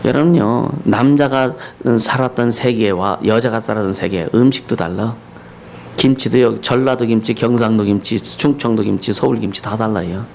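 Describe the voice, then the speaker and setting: A male pastor preaching a Sunday sermon, often asking the congregation questions and rising to loud declamation on scripture and slogans. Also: lowish voice, moderate pace, vocal fry, slight background noise, low-quality recording. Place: church sanctuary.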